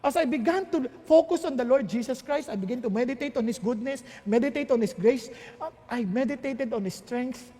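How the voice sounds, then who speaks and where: A man's voice: extremely high pitch, normal speed, few pauses, mellow, big-room sound. A middle-aged Filipino man preaching a sermon, mixing languages in a playful, emphatic way. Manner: switches between Tagalog and English, playful and emphatic. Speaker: pastor.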